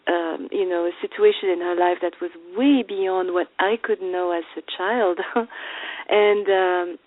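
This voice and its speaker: A woman's voice: mid-range voice, dry recording. A woman from Finland, a guest astrologer, telling the story of her life in an interview and laughing as she goes. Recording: dry, phone-like audio.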